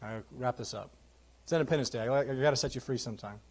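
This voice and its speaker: A man's voice: mid-range voice, fast talker. A man in his thirties giving a candid, joking testimony sermon in a church. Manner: candid, jokey, animated storytelling. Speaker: guest preacher. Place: church sanctuary.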